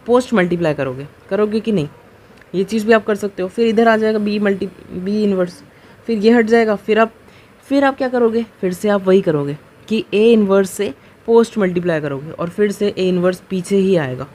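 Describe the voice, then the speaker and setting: A man with a high, slightly mellow voice teaches maths, explaining a proof at the board. Patient and step by step, he slows on key terms, asks rhetorical questions and checks that students are following.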